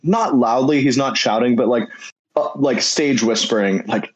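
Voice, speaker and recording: A man's voice: medium pitch, normal speed, muffled recording. A man playing in a tabletop game, talking casually and rambling with repeated words. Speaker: player.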